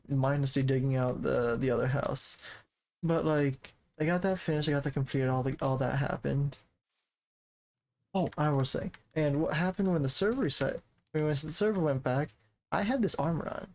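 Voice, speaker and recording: A man streaming a game from his desk mic, casual commentary that rambles and corrects itself, and he talks fast. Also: on the high side, gravelly, a little mellow. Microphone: desk microphone.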